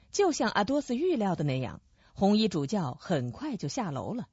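Woman storyteller, very husky, lively pitch, dull lo-fi sound. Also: no room sound. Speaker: narrator. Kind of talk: radio storytelling. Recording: dull lo-fi recording.

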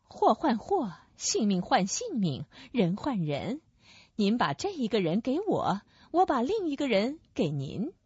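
A woman's voice: fairly high pitch, wildly swooping pitch, unhurried, a little mellow, breathy edge, no echo, exaggerated voice. A woman voicing a wily, fawning female schemer in radio storytelling. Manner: fawning, insinuating. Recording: dull lo-fi recording.

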